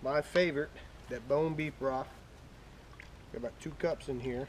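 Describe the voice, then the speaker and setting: Casting: male cooking show host, medium pitch, plainspoken and casual demo style, recorded with noticeable noise behind him. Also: fairly even intonation, normal speed. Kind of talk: casual cooking demonstration, talking through each step. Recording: clearly noisy background with clicks.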